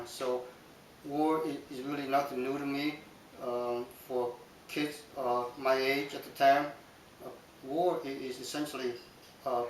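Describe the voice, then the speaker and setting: A middle-aged man from Vietnam, describing his childhood in an oral history interview in a steady, matter-of-fact way with frequent ums. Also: medium pitch. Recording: roomy, distant mic with hiss.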